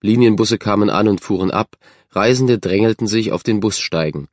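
A man giving scripted narration of a children's story in a measured, even way. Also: lowish voice, no room sound, studio quality. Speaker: audiobook narrator.

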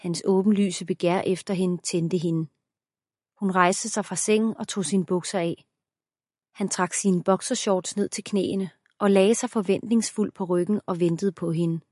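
A woman's voice: lowish voice, steady tone, a little mellow, no echo. Give me a woman narrating an audiobook steadily, with a dry close sound. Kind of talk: scripted narration.

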